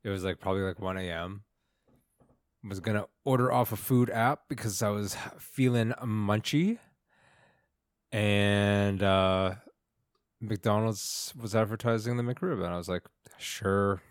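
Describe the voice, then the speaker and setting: A man co-hosting a casual podcast, laid-back and halting, often interrupting himself. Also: fairly low pitch, dry recording, studio quality. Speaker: podcast co-host. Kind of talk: casual chat.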